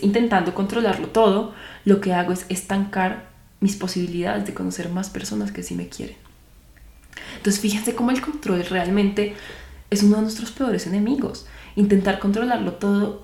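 A woman's voice: mid-range voice, warm tone, reverberant. A young woman hosting a podcast, talking earnestly to her listeners and asking them rhetorical questions. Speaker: podcast host. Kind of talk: reflective podcast monologue.

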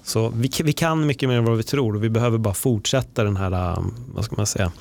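A man's voice: on the low side, a little mellow. A man talking earnestly in a casual podcast chat, sprinkling in swear words and acting out bits of dialogue.

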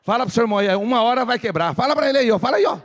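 A man preaching a lively sermon in church, firing rhetorical questions and calling for responses. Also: extremely high pitch, very fast. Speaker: pastor. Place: church service.

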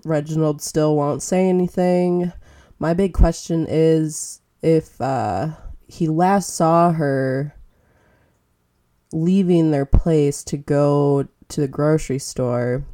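A woman's voice: sits low, dark tone. A woman hosting a true crime podcast, chatting casually to listeners in an informal, hesitant way with trailing thoughts.

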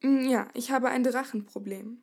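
A woman doing a haughty small-town mayor from a storybook, pompous and full of himself. He blusters and talks down, in a somewhat high voice. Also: fairly even intonation, moderate pace, darkish tone, close to an everyday voice. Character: arrogant pompous male village mayor.

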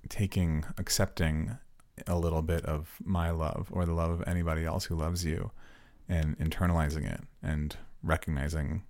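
A man's voice: a bass voice, little pitch movement, normal speed, few pauses, a little mellow. A man co-hosting a podcast, chatting casually about songs in an easygoing, earnest way and laughing often. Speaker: podcast co-host. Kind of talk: casual music chat.

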